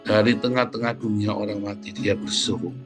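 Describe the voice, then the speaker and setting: A man preaching a sermon in a conversational, animated way, often turning to address his listeners directly. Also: fairly low pitch, a little fast, faint music behind.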